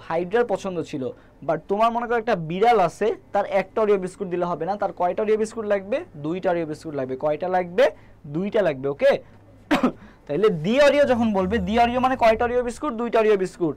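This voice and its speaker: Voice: mid-range voice, a little mellow. A biology tutor with a Bangladeshi Bengali accent runs a live online lesson. The tutor fires off short questions and answers them right away, drilling terms over and over. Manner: quizzing, asks and answers own questions; reads viewer names from comments. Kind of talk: live online class teaching.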